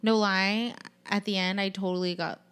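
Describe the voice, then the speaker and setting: A woman's voice: mid-range voice, fairly even intonation, normal speed, a bit bright, clean tone. A woman hosting a podcast in casual chat, talking animatedly with lots of fillers and frequent swearing. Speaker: podcast host.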